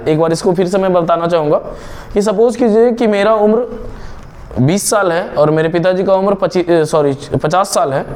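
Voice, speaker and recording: Here a young man from India, his voice pitched high and darkish in tone, delivers a slow, step-by-step math lesson. He keeps raising questions and answering them on his own.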